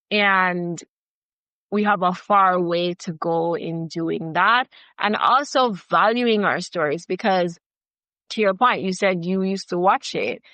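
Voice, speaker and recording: Her voice sits on the low side with a fairly bright tone in a dry recording. She's a filmmaker in her thirties with a Jamaican accent, a guest in an interview who talks with passion, earnestness and emphasis, leaning often on "like" and "you know."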